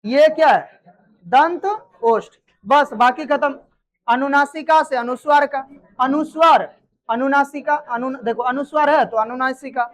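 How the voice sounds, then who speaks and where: Her voice is high and a little slow as this woman conducts a grammar lesson in a live classroom. She asks students questions, repeats the answers they give and checks that everyone understands.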